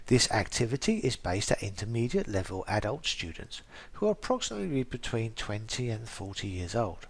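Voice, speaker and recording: A man, an English teacher, reading a prepared explanation as scripted narration in a careful, even way. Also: medium pitch, vocal fry, no room sound.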